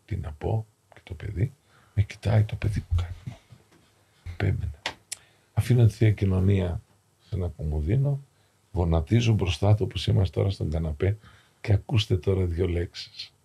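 A middle-aged man, an Orthodox priest, telling a moving story as a guest on a podcast, acting out the dialogue and sinking to hushed tones. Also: deep voice, gravelly, pauses often, a little hiss or hum. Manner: acts out dialogue in shifting voices, drops to hushed tones. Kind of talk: emotional storytelling in a podcast interview. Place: podcast studio, seated on a sofa.

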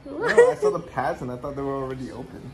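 A man's voice: mid-range voice, wildly swooping pitch, quick pace. A young man chatting casually with his cousin, teasing and cracking jokes. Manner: teasing, wisecracking. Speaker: cousin of the host. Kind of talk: casual chat. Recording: noisy crowded background.

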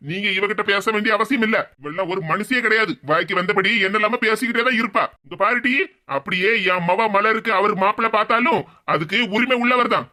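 A gruff cartoon father. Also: sits high, fast, sharp tone. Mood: firm. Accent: Kanyakumari Tamil. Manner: gruff, firm. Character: blustering middle-aged father, hospitable to guests.

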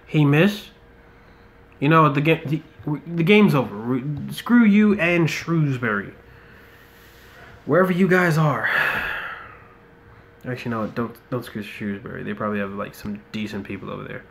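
In an indoor room, a young man from the United States narrates his mobile football game at a measured pace with frequent pauses, his medium-pitched voice showing vocal fry. He is mostly relaxed, though he mutters asides and sometimes rants.

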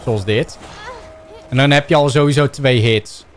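A young man with a Dutch accent giving excitable gameplay commentary, shouting and yelping playfully as he plays. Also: unhurried, slight background noise. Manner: shouty, playful, bursts into silly high yelps. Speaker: gaming YouTuber.

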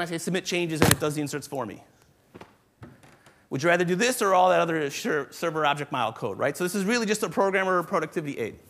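A man presenting a live programming lecture to a room of developers, brisk and joking, thinking aloud as he demos code. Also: sits high, fairly bright tone. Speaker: conference presenter teaching developers. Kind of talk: live technical lecture with demo. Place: conference room with live audience.

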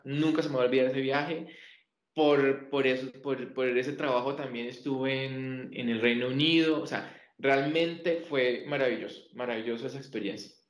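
A man from Colombia with a neutral Colombian accent, talking as an interview guest and telling animated stories with many restarts. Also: medium pitch, roomy sound. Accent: neutral Colombian Spanish. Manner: animated storyteller with many repeated words and restarts. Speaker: interview guest, teacher trainer. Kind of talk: casual interview chat.

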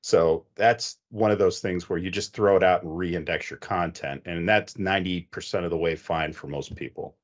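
This middle-aged man, an expert panelist on an online video call, offers technical advice in a methodical, conversational way. His voice sits low and moves at normal speed with hardly any pauses, while the call audio comes through dull and muffled.

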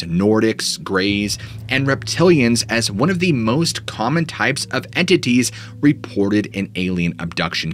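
Using a studio mic in front of him in a small home studio, a man in his thirties hosts scripted narration of eerie paranormal stories. His medium-pitched voice has a fairly bright tone, and his dramatic storytelling sweeps through rises and dips.

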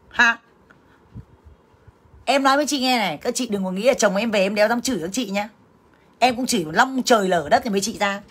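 A woman's voice: fairly high pitch, husky. A woman ranting crudely to her livestream viewers, cursing and scolding in a blunt, combative way. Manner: talks straight to viewers as sisters. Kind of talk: angry livestream rant.

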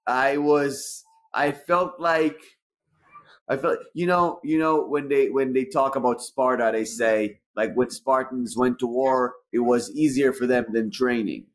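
A man's voice: mid-range voice, a little slow. Israeli man telling a story on a call. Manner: animated, acts out quoted dialogue. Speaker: stand-up comedian guest. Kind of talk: casual storytelling chat. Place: indoor room, video call. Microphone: webcam on video call.

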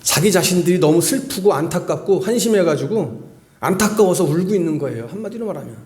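A man with a high voice preaches to his congregation, asking them questions and hammering points home through repetition. His words ring around an echoey church hall. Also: lively intonation, brisk, a little mellow. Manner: asks the congregation questions and repeats phrases for emphasis. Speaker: pastor. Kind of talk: sermon.

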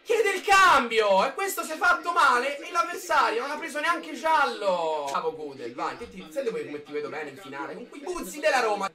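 A young man reacting live to a football match as a fan streamer, shouting and joking. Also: very high-pitched, sing-song, fairly quick, hardly any pauses. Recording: echoey room, far from mic. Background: televised match crowd noise.

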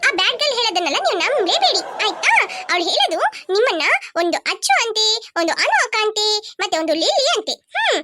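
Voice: very high-pitched, sing-song, fast, heavy background noise. A performer voicing a bossy, possessive little cartoon girl who snaps and complains. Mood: cooing. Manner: bossy, snappy.

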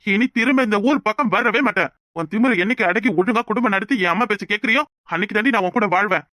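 Someone voicing a fed-up young husband in a cartoon, kanyakumari tamil, quick bright voice. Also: male voice, high voice, no room sound. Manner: firm, fed-up. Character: exasperated young village husband. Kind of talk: cartoon voice acting.

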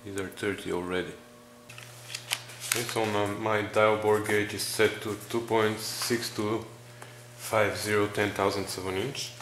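A man talking slowly through engine measurements in a workshop tutorial, pausing and filling gaps as he works out numbers. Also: lowish voice, little pitch movement, noisy background. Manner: methodical, talking through numbers with pauses and fillers. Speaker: home mechanic explaining engine measurements. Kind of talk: step-by-step tutorial narration.

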